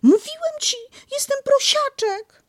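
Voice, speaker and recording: Prosiaczek, a woman doing a squeaky little piglet. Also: expressive, measured pace, no room sound, studio quality. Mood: shrill, flustered. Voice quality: squeaky, stammering. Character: tiny timid male piglet, shrill and anxious.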